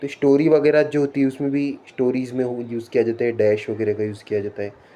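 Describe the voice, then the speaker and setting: मराठी लहजे वाला एक आदमी अंग्रेज़ी व्याकरण की कक्षा पढ़ाता है, अंग्रेज़ी नियम धीरे-धीरे पढ़ता है और फिर हिंदी में सवाल पूछकर समझाता है।. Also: male voice, mid-range voice, flat delivery, warm tone. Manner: reads English rules slowly, then explains in Hindi with rhetorical questions. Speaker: English teacher. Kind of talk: classroom lesson explaining punctuation.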